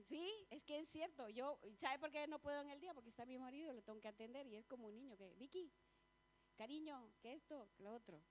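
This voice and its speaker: A woman's voice: high-pitched, fast talker, slight background noise. A woman preaching a sermon in a church, chatty and personal, often asking the congregation questions and laughing between points.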